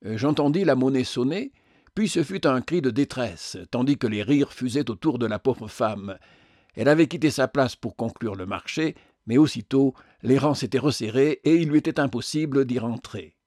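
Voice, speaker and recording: A man narrating a novel as an audiobook, in a measured reading with occasional hesitations. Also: mid-range voice, darkish tone, dry recording, clean studio sound.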